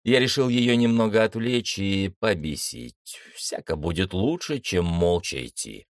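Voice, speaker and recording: Low, lively male audiobook narrator. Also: measured pace, dry recording, studio quality. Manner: expressive, shifts tone for each character.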